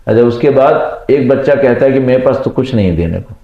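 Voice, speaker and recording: A man's voice: mid-range voice, lively intonation. A man, a cleric giving a night sermon and telling parables, acting out the voices of the people in his stories. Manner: tells parables with acted voices of children and managers. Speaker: Shia cleric. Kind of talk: sermon with storytelling. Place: religious gathering at night. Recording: dull echoey hall.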